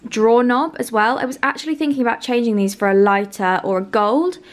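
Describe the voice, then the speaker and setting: Young woman, casual home vlog, slightly high voice, gushing, lots of fillers, handheld camera indoors. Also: brisk. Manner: gushing, filler-heavy, enthusiastic. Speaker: home vlogger. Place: bedroom and kitchen of a rented flat, indoors.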